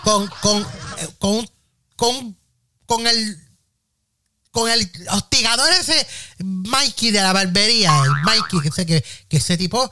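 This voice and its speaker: A man's voice: sits high, slow, bright, forceful tone, full character voice. A man playing Choli, a dramatic, jealous woman with a Puerto Rican accent, ranting theatrically in a comedic podcast bit. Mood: melodramatic complaint. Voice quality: theatrical, long-winded, melodramatic rants.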